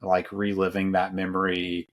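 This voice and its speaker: Low-voiced guy chatting about movies on a podcast, lots of likes and ums. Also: completely flat delivery, normal speed. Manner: rambling, many fillers and restarts. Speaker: podcast host. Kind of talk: casual film discussion.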